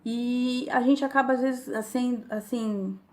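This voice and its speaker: A woman's voice: on the high side, steady tone, a little slow, darkish tone. Reflective Brazilian woman giving a talk. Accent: Brazilian Portuguese. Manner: reflective, teaching tone, reads passages aloud. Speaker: spiritist lecturer. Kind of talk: recorded religious talk.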